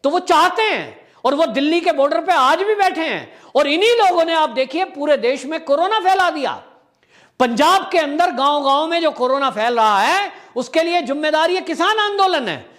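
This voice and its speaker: A man's voice: very high voice, expressive, moderate pace, fairly bright tone. A man delivering an impassioned political commentary monologue as a commentator, full of rhetorical questions.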